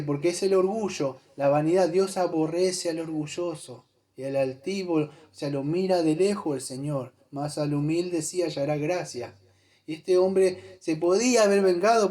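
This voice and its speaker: A man's voice: high-pitched, a little mellow. A male pastor, preaching a conversational sermon to his congregation, talking to them directly and thinking aloud while he hunts for Bible verses. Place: church.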